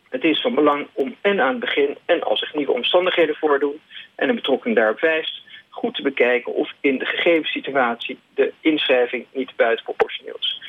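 A man speaks a formal voicemail message in a measured, deliberate way. The voice comes through a narrow, tinny phone line. His tone is slightly husky. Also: on the high side, dry recording. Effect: leaving a voicemail over a phone line. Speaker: lawyer.

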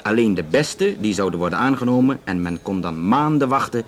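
A male actor with a Flemish accent plays a talkative, matter-of-fact Belgian police investigator in a naturalistic radio drama, explaining things conversationally with some hesitation. His lowish, natural voice is animated and fairly quick, and his mood is matter-of-fact and confiding.

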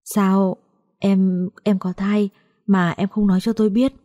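A woman's voice: mid-range voice, little pitch movement, a little slow, dark tone, dry recording, clean studio sound, natural voice. A woman voicing a young master of the house who speaks firmly but kindly. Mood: stern. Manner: firm, serious.

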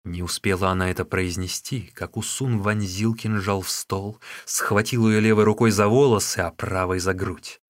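A man narrating an audiobook in a measured, expressive reading. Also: sits low, no echo, clean studio sound.

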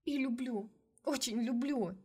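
A woman's voice: a little high, measured pace, warm tone, breathy edge, pitched above the performer's own voice. Woman reading a tearful, bitter young heroine. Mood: sobbing. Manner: sarcastic, then breaking into sobs. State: crying. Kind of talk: audiobook character voice.

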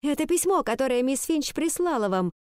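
A woman's voice: sits high, lively intonation, a little fast, no room sound, studio quality, voice pushed up. A woman voicing a bold, impatient schoolgirl who talks in an insistent, breathless way. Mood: urgent.

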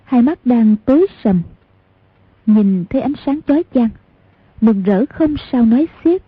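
Woman, audiobook narrator, husky, steady measured reading, tinny phone-like sound, dry. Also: fairly high pitch, no echo. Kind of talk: storytelling narration.

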